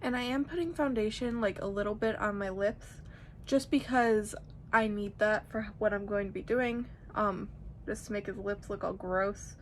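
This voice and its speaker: A woman's voice: medium pitch, moderate pace, over music. A young woman giving a casual, chatty tutorial, rambling informally with lots of "like". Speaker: makeup tutorial host.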